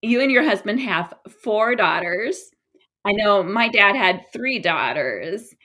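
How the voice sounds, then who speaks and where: A woman's voice: mid-range voice, animated, takes it slowly, sharp tone. A woman hosting a conversational interview, engaged and sharing her own memories with her guest. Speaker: host.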